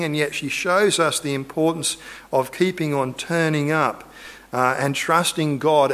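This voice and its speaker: A man's voice: on the high side, a bit bright. A man preaching a conversational sermon, earnest, acting out quotes and imagined lines. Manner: earnest, acts out biblical quotes and imagined dialogue.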